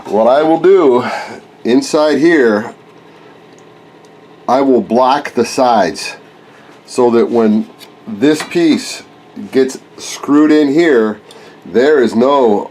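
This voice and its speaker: In a casual workshop vlog, an RC plane hobbyist in his forties who hosts the channel chats through a cold, rambling and correcting himself. His mid-range voice is warm, captured up close by a handheld camera in his home workshop, and the recording is rough with slight background noise.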